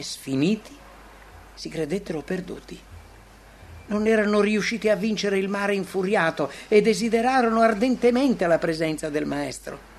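A man narrating a devotional story aloud, expressive, with big swings in pitch and loudness. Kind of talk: dramatic reading of a devotional story.

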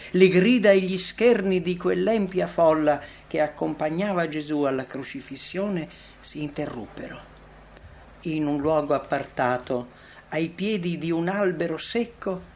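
Guy narrating a religious book, dramatic, slightly high voice, trails off into near whispers. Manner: dramatic, swells then sinks to near-whispers at phrase ends.

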